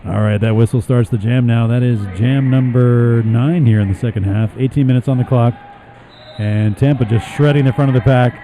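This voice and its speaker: A man doing live play-by-play commentary at a roller derby bout, brisk and wry, slipping in dry jokes between calls. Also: medium pitch, steady tone, mellow, a little hiss or hum.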